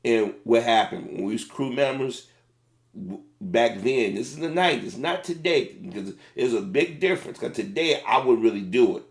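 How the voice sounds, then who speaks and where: A middle-aged man, a former fast food manager, giving casual, plain-spoken commentary on a video. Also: mid-range voice, animated, reverberant.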